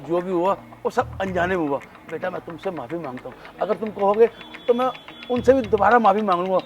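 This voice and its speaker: A man's voice: sits high, a little fast. A man playing an elderly restaurant waiter who meekly apologizes and begs not to lose his job. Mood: pleading. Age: older. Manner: meek, apologetic, begging. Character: elderly male restaurant waiter, humble and pleading. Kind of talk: web short drama acting.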